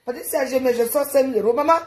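Woman, scolding live-stream rant, rather high voice, echoey room. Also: fairly even intonation, darkish tone. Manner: scolding, rapid rhetorical questions.

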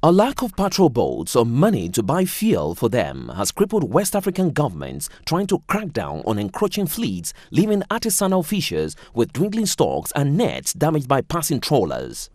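A man narrating a scripted news report, measured and even. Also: no room sound, clean studio sound. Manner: measured reading with wide pitch swings.

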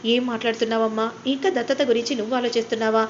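A woman voicing a worried, gentle middle-aged uncle who asks concerned questions. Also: fairly high pitch, level tone, rapid-fire, muffled recording, slight background noise, lightly acted.

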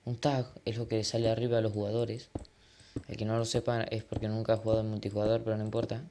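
A gaming channel host gives casual gameplay commentary, excitably swinging from mumbled asides to loud outbursts and tossing in English exclamations and swearing. His voice is fairly low and fast, with slight background noise.

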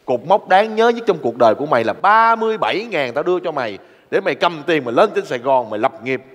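A man's voice: on the high side, very animated, fast talker, a bit bright. A man playing a stubborn, smug chauffeur. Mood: lecturing. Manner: insistent, keeps bringing up old favors. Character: stubborn male driver, boastful old friend. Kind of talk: live stage comedy sketch. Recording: reverberant hall with music.

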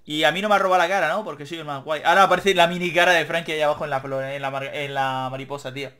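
A man's voice: fairly high pitch, steady tone, racing, sharp tone, clean tone. A young man giving joking let's-play commentary, reading the game text aloud and swearing casually. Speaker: gaming YouTuber. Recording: faint game music behind.

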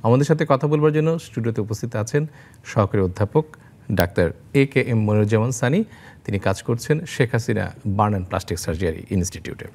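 Man, tv host, gravelly voice, formal intros, short questions. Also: lowish voice, animated, quick pace, darkish tone. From Bangladesh. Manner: formal introduction, brief acknowledgements. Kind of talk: studio health interview. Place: TV studio.

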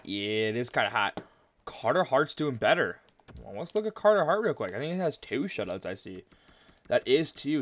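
Young male gaming commentator, excitable and profane, close dry mic. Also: mid-range voice, dry recording. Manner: excited, swears, talks to viewers as "boys". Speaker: gaming YouTuber. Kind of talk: casual game commentary.

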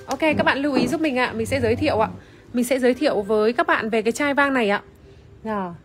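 A woman's voice: on the high side, fast talker, music in the background. A woman presenting wine on a phone livestream in casual chat, full of fillers and greeting viewers by name. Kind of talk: casual livestream product demo. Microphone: phone camera, iPhone.

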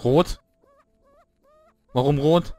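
A young man commentating a horror game he is playing, scared and swearing, his voice jumping up high when frightened. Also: very slow, dark tone. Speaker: let's play gamer.

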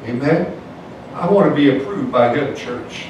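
A man preaching as a pastor, punctuating his lines with "amen" and calls to the church. He swings between soft, low passages and shouted, high climaxes. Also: moderate pace. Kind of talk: evangelical sermon. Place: church sanctuary, indoors. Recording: echoey church sound from far off, faint noise.

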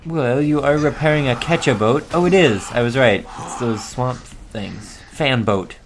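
A man's voice: mid-range voice, measured pace, a little hiss or hum. A man giving casual, sweary gameplay commentary, chuckling and talking to himself as he plays. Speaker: let's play gamer.

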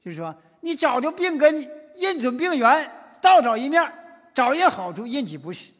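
A high-voiced man with a Northeastern Mandarin accent gives a lecture, his pitch jumping up and down. He speaks in a folksy, animated way and keeps checking in with the audience. His voice carries a long reverb from a large hall. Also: moderate pace. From Northeast China. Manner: folksy, animated storytelling with frequent "是吧" asides. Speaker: public lecturer. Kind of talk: moral lecture told through anecdotes. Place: lecture hall at a public forum.

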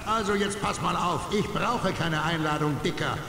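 An actor playing a defiant, surly video game hero who talks back in a curt, insolent, threatening way. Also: male voice, on the high side, normal speed, creaky, sharp tone. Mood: defiant, annoyed. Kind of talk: dubbed video game cutscene acting. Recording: echoing hall, some game noise.

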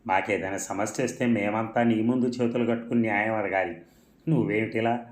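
A man's voice: fairly low pitch, steady tone, a little fast, close to an everyday voice. A man voicing an arrogant older village strongman with a scornful manner in a storybook reading. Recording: roomy echo.

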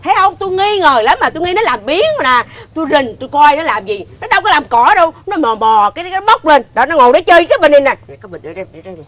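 A woman with a Southern Vietnamese accent playing a shrill, nagging foster mother who scolds a lazy boy and often shouts. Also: sing-song, rapid-fire, hardly any pauses. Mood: furious. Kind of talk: comedy sketch acting.

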